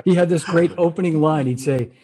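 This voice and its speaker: Male host with a slightly husky voice, friendly and unhurried on a video call. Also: a little high, mellow. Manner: friendly, hesitant with fillers. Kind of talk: casual interview chat.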